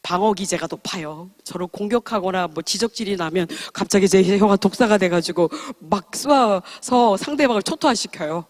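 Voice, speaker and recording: A woman's voice: mid-range voice, moderate pace, hardly any pauses, a little mellow. A woman in her fifties preaching at a church service, telling her personal testimony in an earnest, frank and self-deprecating way. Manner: earnest, heartfelt storytelling.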